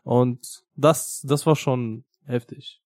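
A man's voice: mid-range voice, steady tone, slow pace, a little mellow, no room sound, studio quality. A man co-hosting a casual podcast, teasing the others and laughing easily. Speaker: podcast co-host.

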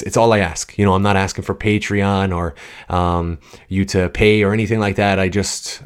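A man hosting a podcast, talking informally and chattily straight to his listeners into a good podcast microphone, drifting into tangents. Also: low-pitched. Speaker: podcast host, coach. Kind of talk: casual solo podcast talk with scripted opening. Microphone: studio podcast microphone.

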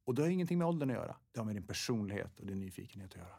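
A man's voice: on the low side, big pitch swings, vocal fry, warm tone, breathy edge. A man guest in an interview, speaking reflectively and often posing rhetorical questions to himself. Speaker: guest, football referee.

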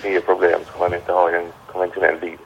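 A man's voice: deep voice, completely flat delivery, creaky. A middle-aged man from England with an English accent, a caller on speakerphone, answering hesitantly with many fillers. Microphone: phone on speaker. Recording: muffled phone on speakerphone.

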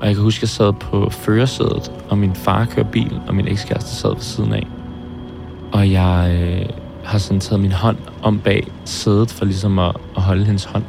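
Looking back on his heart surgery in an interview, this gravelly, low-voiced director in his twenties speaks flatly over music. His recollection of hard times comes haltingly, full of pauses, restarts and groping for the right words.

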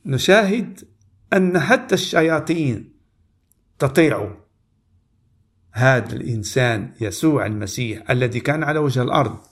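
A man preaching, reading Bible passages aloud in a measured, deliberate way and pausing to comment on them. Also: mid-range voice, lively intonation.

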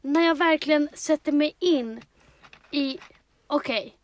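A young woman from Sweden, co-hosting a podcast, speaking hesitantly and softly in casual chat. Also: high-pitched. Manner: hesitant, soft-spoken, lots of fillers. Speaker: podcast co-host.

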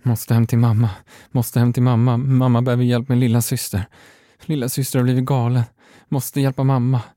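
A man's voice: mid-range voice, flat delivery, warm tone, dry recording, studio quality, lightly acted. A man playing a shell-shocked young man who mutters the same short phrases over and over. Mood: dazed. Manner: repetitive, mechanical muttering.

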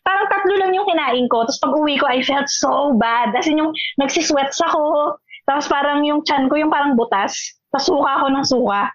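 Young woman from the Philippines, high voice, lively storytelling, dry slightly dull recording. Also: fairly quick, dry recording. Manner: animated storytelling, switches between Filipino and English. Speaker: podcast co-host. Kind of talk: casual chat.

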